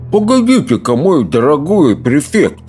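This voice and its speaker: A man reading an audiobook, voicing a fat, greedy, pompous male consul who talks in a slow, smug, chomping drawl. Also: on the high side, sing-song, mellow, slightly rough, soft background music, voice pushed up, heavily acted.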